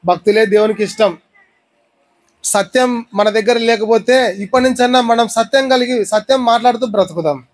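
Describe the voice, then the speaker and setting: A man's voice: extremely high pitch, normal speed, low-quality recording. A man from India with a Rayalaseema Telugu accent, preaching a sermon and pressing the congregation with repeated questions. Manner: repeated questions to the congregation, teaching with everyday examples. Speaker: pastor.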